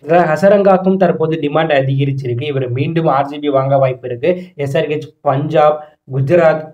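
A man's voice: fairly high pitch, brisk, darkish tone. A man with a Tamil accent narrating a cricket channel voice-over, steadily listing teams and prices in an explanatory way. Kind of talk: voice-over on auction predictions. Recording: roomy, dull lo-fi voice-over.

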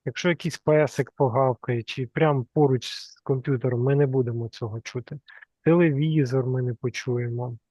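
Patient guy explaining stuff on a lo-fi video call, dark mellow voice, dry sound. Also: mid-range voice, moderate pace, dry recording. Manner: calm, patient, repeats himself to make a point. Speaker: online class moderator. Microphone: video call from a computer. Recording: dull lo-fi video call audio.

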